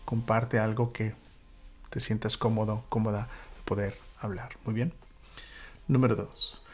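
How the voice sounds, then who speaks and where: A man leading a church small-group Bible study, speaking reflectively with fillers and dropping into a whisper for calm moments. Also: lowish voice, unhurried, slightly rough. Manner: reflective, with many fillers and soft whispered asides.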